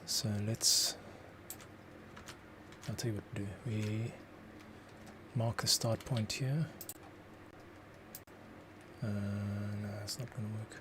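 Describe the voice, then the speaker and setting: A composer hosts casual work-along commentary, muttering to himself in fragments. His voice is lowish, and the background is noisy with music and computer keyboard clicks.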